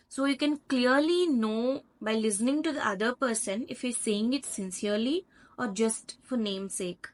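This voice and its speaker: A woman with an Indian English accent, teaching a lecture patiently, step by step with examples. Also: fairly high pitch. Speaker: online tutor. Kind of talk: explanatory lecture over slides.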